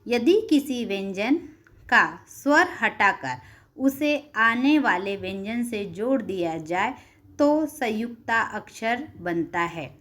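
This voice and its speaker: A woman teacher talks through a lesson at an unhurried, deliberate pace. Her voice sits a little high, and she keeps repeating key terms and asking her students whether they follow. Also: expressive, fairly bright tone. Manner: patient, repeats terms and asks check questions. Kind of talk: classroom lesson explanation.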